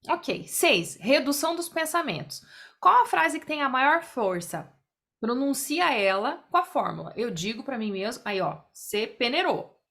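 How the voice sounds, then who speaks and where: Woman on a video call, a bit high-pitched, explaining a group exercise step by step, keeps checking in. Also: fairly bright tone. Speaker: workshop facilitator. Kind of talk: guiding an online group exercise.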